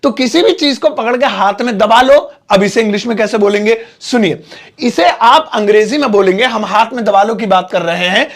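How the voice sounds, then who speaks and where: A man with an Indian accent teaching English phrases in Hindi, chatty, often repeating each phrase slowly word by word. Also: high-pitched. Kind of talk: Hindi-medium English lesson.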